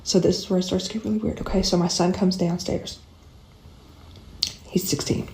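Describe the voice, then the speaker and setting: A woman's voice: lowish voice, fairly even intonation, moderate pace, mellow. A woman, a mother telling a strange story at home in an urgent, repetitive whisper so she doesn't wake her baby. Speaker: mother recounting a strange event. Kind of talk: hushed storytelling to camera. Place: indoors at home. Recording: roomy echo.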